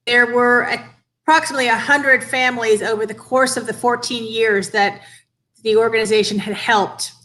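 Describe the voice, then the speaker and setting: Bright-voiced woman guest, fairly high. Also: rough recording. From northeastern United States. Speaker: interview guest, children's cancer charity director. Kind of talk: conversational interview answers. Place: indoors on an online call.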